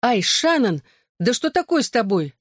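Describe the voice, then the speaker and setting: A woman reading an audiobook, voicing an excitable, gossipy teenage girl who teases and squeals eagerly. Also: on the high side, normal speed, dry recording, studio quality, pitched above the performer's own voice. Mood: startled. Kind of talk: audiobook character voice.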